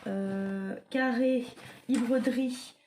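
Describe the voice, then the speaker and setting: A woman's voice: fairly high pitch, fairly even intonation, drawn-out words, darkish tone. A young woman talking casually as she shows her collection, hesitant and full of fillers and self-corrections. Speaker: vlogger showing her diamond painting stock. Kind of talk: casual show-and-tell. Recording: clear background noise.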